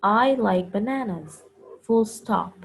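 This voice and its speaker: A woman teaching punctuation in a recorded lesson, explaining each step slowly and carefully. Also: medium pitch, animated, gravelly, background noise. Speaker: English teacher.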